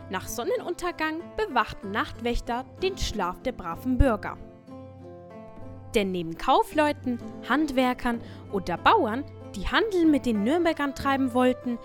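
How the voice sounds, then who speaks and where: A woman narrating a children's story as a scripted audio tale. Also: a little high. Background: faint music.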